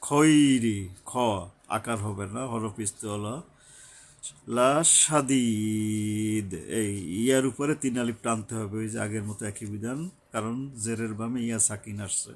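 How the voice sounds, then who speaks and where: A man teaching Quran recitation. He chants Arabic verses in long drawn-out phrases, then explains pronunciation in earnest, instructive speech. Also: on the low side, flat delivery. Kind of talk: recitation lesson.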